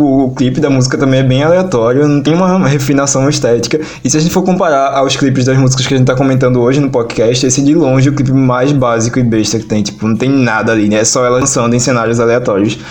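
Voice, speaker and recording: A man's voice: mid-range voice, a little mellow. A man with a Brazilian Portuguese accent co-hosting a podcast, talking in an opinionated, critical way full of fillers. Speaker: podcast co-host. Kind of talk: casual podcast chat.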